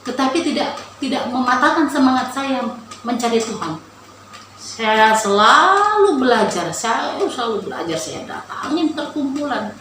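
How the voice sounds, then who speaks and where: A woman's voice: high voice, lively intonation, moderate pace. A woman giving a personal faith testimony, telling her story in an earnest and emotional way. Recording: very echoey room with background noise.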